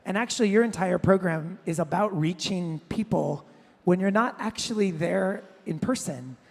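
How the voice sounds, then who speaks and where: A woman interviewer asking measured, prepared questions on stage in front of a live audience. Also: on the low side, creaky, darkish tone. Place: large hall before a live audience. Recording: long hall reverb.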